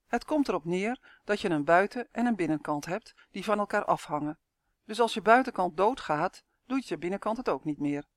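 A reader voicing Chance, a calm, wise woman who patiently explains souls, in an audiobook, recorded dry and close. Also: medium pitch, no room sound, lightly acted. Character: calm wise female soul-rescuer explaining. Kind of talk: audiobook character voice.

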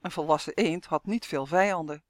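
A narrator reading a children's novel aloud as an audiobook, telling it in a steady, expressive way. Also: medium pitch, a little fast, no room sound, studio quality.

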